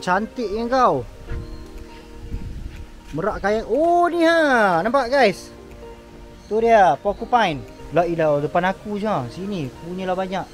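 A man with a Malaysian Malay accent, chatting excitedly to viewers on a walking tour vlog through an outdoor petting zoo. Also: high voice. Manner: chatty, excitable, keeps addressing viewers as guys. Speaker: vlogger.

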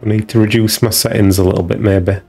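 A man streams a video game, musing and mumbling to himself as he tweaks settings. His voice is low, gravelly and unhurried, with faint music in the background. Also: steady tone, a little mellow. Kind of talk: casual gameplay commentary.

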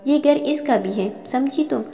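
Bossy old granny in a storybook, lady reading her, dark mellow tone. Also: high voice, unhurried, faint music behind. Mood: scolding. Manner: commanding, scolding. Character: stern elderly grandmother, family matriarch. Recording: long reverb.

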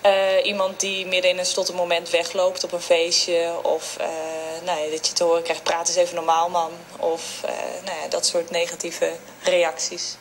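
A woman speech therapist answering radio interview questions, explaining calmly with frequent filler hesitations. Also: fairly low pitch, normal speed, few pauses, slight background noise. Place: café.

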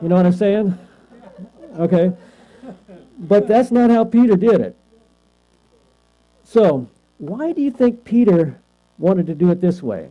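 Unhurried and prone to long pauses, a man teaches a Bible class in an animated, high-pitched voice with a dark tone. He keeps it conversational, often asking questions and checking in with "right?", on a lo-fi recording with mains hum.

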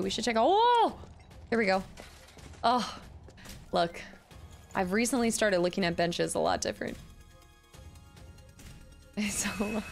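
Young woman gamer, slightly creaky voice. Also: medium pitch. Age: young adult. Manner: chatty, thinking aloud. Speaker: gaming streamer. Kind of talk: casual let's play commentary. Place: indoor room at home.

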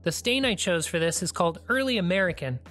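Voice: mid-range voice, expressive, fast, a bit bright, faint music behind. A DIY channel host giving a plain, practical, step-by-step tutorial voice-over.

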